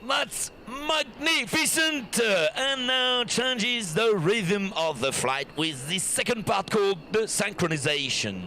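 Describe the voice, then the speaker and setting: A man's voice: a little high, pushed and bright, slight background noise. A man with a French accent giving live airshow commentary, explaining each formation in an admiring, showy way.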